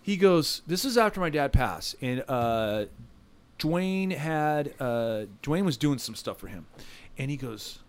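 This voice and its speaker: A man hosts a podcast in an easygoing, casual chat. He talks loosely, with slang and frequent fillers as he gathers his thoughts. His pitch is at a typical middle level for a man. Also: big pitch swings, takes it slowly, clean tone. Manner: laid-back, slangy, many fillers. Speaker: podcast host.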